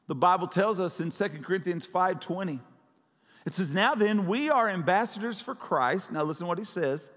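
A man's voice: high voice, lively intonation, moderate pace, a bit bright. A man preaching a sermon as pastor, urgent and repetitive, pressing his listeners. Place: church sanctuary. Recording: long church hall reverb.

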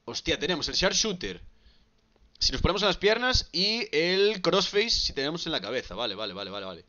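Excitable Galician-accented man gaming. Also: on the high side, fairly quick, lo-fi sound. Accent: Galician Spanish. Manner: excitable, bursts into shouts and repeats words. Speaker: gaming streamer. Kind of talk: live gameplay commentary.

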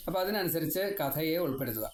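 Male scripture teacher, slightly high voice, talks in a rambling way with wry asides, recorded in an echoey room with faint ambience. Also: expressive, slight background noise. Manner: chanting Sanskrit verses slowly, then explaining in conversational Malayalam. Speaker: Bhagavatam teacher. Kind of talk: devotional scripture lesson.

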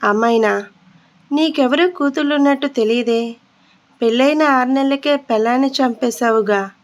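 A woman voicing a harsh, quick-tempered male prison jailer who questions sharply and with scorn. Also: high voice, lightly acted. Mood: scornful.

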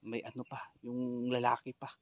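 A man vlogging a ghost hunt alone in rural undergrowth, talking straight to his viewers and often shouting in alarm or chanting prayers. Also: mid-range voice, completely flat delivery, normal speed, no echo. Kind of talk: live outdoor ghost-hunt vlog. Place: rural undergrowth outdoors, insects heard.

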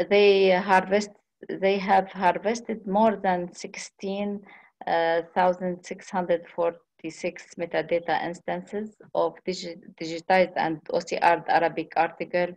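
A woman giving a conference presentation on a video call, speaking haltingly with frequent restarts and pauses. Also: lowish voice, flat delivery, darkish tone, rough recording.

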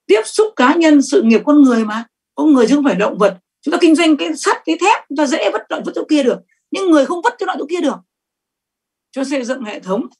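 A middle-aged woman giving a sales training talk, lively and emphatic, often asking the audience questions. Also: high-pitched, slightly rough.

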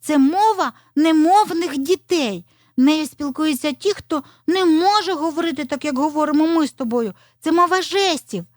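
A woman voicing a little girl fox cub, eager and curious, with a high, lively childlike voice in a storybook tale. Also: moderate pace, dry recording, clean studio sound, close to an everyday voice. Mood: explaining.

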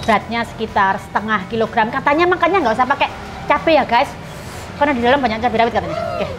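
A woman's voice: a little high, quick pace, background noise. A woman hosting a food vlog, chatting playfully and with exclamations while eating soup. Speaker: food vlogger host. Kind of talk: mukbang vlog chat to viewers. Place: small eatery, indoors. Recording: loud music under the voice. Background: loud music.

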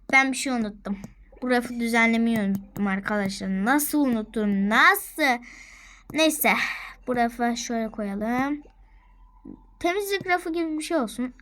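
A young woman with a Turkish accent, playfully narrating her game to viewers in a dramatic, chatty way. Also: a little high. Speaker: gaming vlogger. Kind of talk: casual game commentary.

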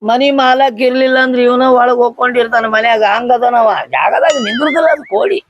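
A man's voice: extremely high pitch, steady tone, a little fast, muffled recording, noisy background. A man with a North Karnataka Kannada accent playing a grumbling farmer in a village comedy sketch, rambling and teasing.

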